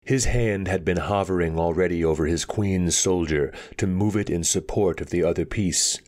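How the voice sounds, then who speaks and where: A man reading a fantasy story aloud in a steady, measured narration. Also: deep voice. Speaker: audiobook reader.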